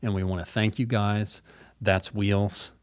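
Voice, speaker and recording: Deep-voiced man hosting a podcast. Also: flat delivery, a little slow, no room sound. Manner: earnest, rambling with restarts. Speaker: podcast co-host. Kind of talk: casual podcast chat.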